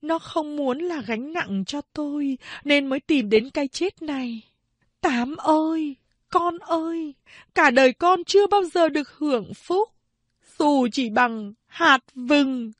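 A woman voicing a grieving old mother who laments and pleads in a high, tearful voice. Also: a little slow, a little mellow, dry recording. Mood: wailing grief.

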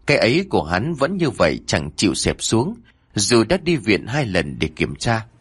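Husky man narrating horror stories. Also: fairly low pitch, dry recording. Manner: lively, dramatic storytelling. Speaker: storyteller.

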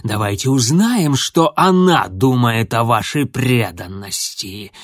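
Man playing a menacing bass-voiced warrior cat. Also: no room sound, studio quality. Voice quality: low threatening bass, hissing. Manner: slow, drawn-out, sneering. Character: menacing hulking male warrior cat, a bully.

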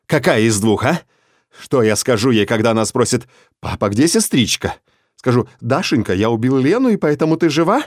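A man voicing a desperate father who barks out his lines hoarsely in an audiobook story. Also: mid-range voice, big pitch swings, normal speed, no room sound, clean studio sound. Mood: furious. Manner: hoarse barking.

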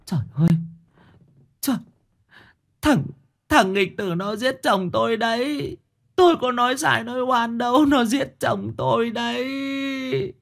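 A man's voice: very high-pitched, a little slow, gravelly, a bit bright, voice pushed up, exaggerated voice. A man voicing a bitter, hysterical older woman who shrieks and wails. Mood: shrieking. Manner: shrieking and wailing.

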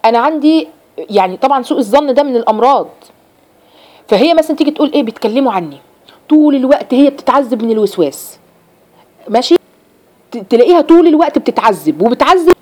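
A middle-aged woman with an Egyptian accent giving a religious lesson to women, lively and repeating her phrases as she acts out examples. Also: high voice, quick pace, long pauses. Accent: Egyptian Arabic. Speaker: religious teacher.

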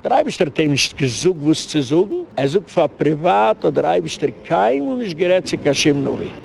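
A man's voice: fairly high pitch, sing-song, fairly quick, gravelly, a little mellow, a little hiss or hum. A man, a rabbi, giving an impassioned lecture, emphatic and repetitive, dropping English phrases into his talk. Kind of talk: impassioned Yiddish-style lecture.

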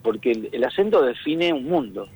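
A man's voice: mid-range voice, very animated, moderate pace, darkish tone, breathy edge, poor audio. A middle-aged man with a Rioplatense Spanish accent, a radio columnist talking casually, thoughtful and searching for words, now and then humming rhythms. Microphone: phone line. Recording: radio broadcast, faint music.

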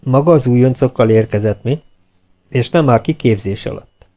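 A man's voice: medium pitch, warm tone, lightly acted. A man voicing a stern, dry male lieutenant colonel who speaks curtly and cuttingly, in an audiobook reading. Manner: curt, cutting.

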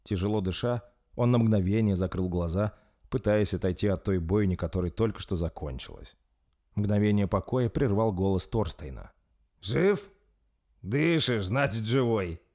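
A man reading an audiobook aloud as its narrator, in a steady storytelling manner. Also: deep voice, normal speed.

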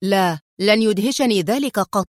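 A woman voicing a menacing male crime boss who speaks in a cold, stern, deliberate way. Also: medium pitch, no room sound, clean studio sound, natural voice. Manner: stern, slow and icy.

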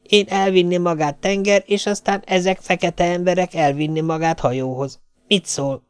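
A man's voice: sits high, fairly even intonation, smooth, no room sound, voice pushed up, natural voice. A man reading an audiobook, voicing a kindly Swedish ship's cook who speaks in broken grammar, earnest and apologetic. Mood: worried.

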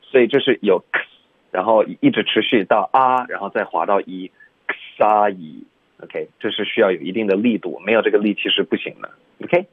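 A man teaching English pronunciation in a bilingual radio lesson, explaining slowly and switching between English and Chinese, sometimes stammering. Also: on the low side, husky, dry recording. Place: radio studio. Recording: dry phone-like radio sound.

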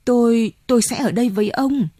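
A woman's voice: fairly high pitch, fairly quick, mellow, dry recording, clean studio sound, voice pushed up, close to an everyday voice. A woman reading an audiobook voices a frightened older woman who pleads urgently and breathlessly. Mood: tender insistent.

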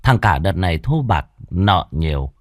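A man's voice: low voice, big pitch swings, measured pace, dry recording, studio quality. A man narrating a ghost story in a dramatic, mournful storyteller's manner.

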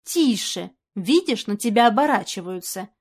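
A composed woman sleuth who keeps her voice low and her words firm, as a woman reads her in a storybook. She sounds steady and in control. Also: moderate pace, breathy edge. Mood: scolding.

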